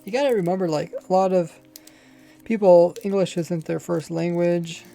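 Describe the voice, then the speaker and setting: Rambling casually while he plays Minecraft on stream, this man has a high voice with a steady tone, normal speed, vocal fry and a warm quality. His pronunciation is a bit mumbled and lazy, with a faint accent.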